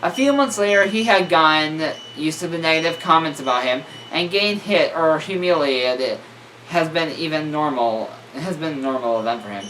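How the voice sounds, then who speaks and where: A man's voice: a little high, moderate pace, pushed and bright. A young man reading a horror story aloud, stumbling over words and correcting himself with joking asides. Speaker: reader. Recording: distant mic with faint room noise.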